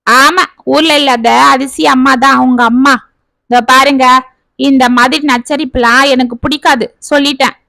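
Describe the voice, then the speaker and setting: A woman voicing a sharp-tongued, lazy young daughter-in-law who answers back with scorn in a storybook tale. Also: sits high, fairly even intonation, normal speed, vocal fry, no echo, heavily acted. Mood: defiant. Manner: snappy, scornful, talks back.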